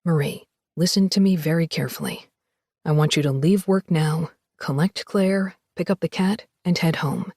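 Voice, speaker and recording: A woman's voice: sits low, moderate pace, no echo, studio quality, pitched below the performer's own voice. A woman voicing a frightened husband's urgent warning. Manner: urgent, hushed, insistent. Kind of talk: audiobook reading.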